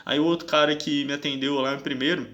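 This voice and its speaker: A man's voice: on the high side, steady tone, a little fast, a bit bright, lo-fi sound. A young man tells his story casually to viewers, in an aggrieved, slangy way, and keeps checking "sabe?".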